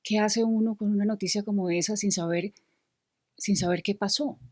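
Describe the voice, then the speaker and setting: A woman hosting a TV interview, speaking in a measured, serious way. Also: mid-range voice, fairly even intonation, a little mellow, no echo, studio quality. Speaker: interviewer host. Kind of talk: TV interview with news-style introduction.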